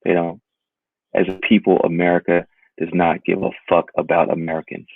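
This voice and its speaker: Deep-voiced man, blunt and profane, phone-line sound. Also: little pitch movement, normal speed, gravelly, no echo. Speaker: podcast co-host. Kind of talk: casual discussion podcast.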